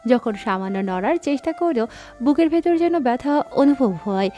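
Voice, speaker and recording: A woman narrates a dramatic audio story in a steady reading voice, a little higher than average. Soft background music runs beneath her throughout. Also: normal speed.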